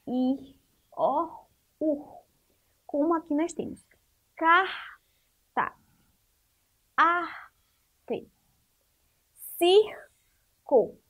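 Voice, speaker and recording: A woman's voice: high voice, darkish tone, poor audio. A woman teaching a first-grade Portuguese lesson, speaking patiently and stretching out syllables for children, with a Brazilian Portuguese accent.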